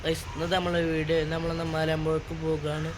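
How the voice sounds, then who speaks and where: A vlogger hosting a travel vlog casually narrates an outing for viewers, slipping English words into his Malayalam. His mid-range voice is fast and monotone. He's outdoors at tourist spots and a park, and the recording is noisy with crowd and traffic sounds.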